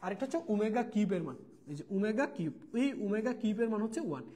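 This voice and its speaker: A man's voice: high-pitched, animated, fast, warm tone. A young man teaching a live online math class. He repeats key points, mixes in English words and calls his students brother. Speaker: math tutor.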